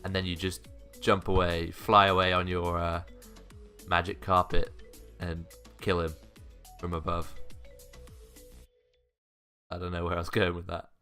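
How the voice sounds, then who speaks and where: Male gaming YouTuber, low register, hopeful and keen countdown-list narration over a music bed. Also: completely flat delivery, measured pace, long pauses, sharp tone. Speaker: gaming video creator. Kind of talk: top five countdown list commentary. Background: background music.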